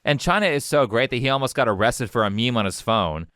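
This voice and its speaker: Crisp, dry-voiced scornful male narrator. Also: mid-range voice, lively intonation, fast, fairly bright tone, dry recording. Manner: sarcastic, scornful delivery. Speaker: commentary host. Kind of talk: scripted commentary narration.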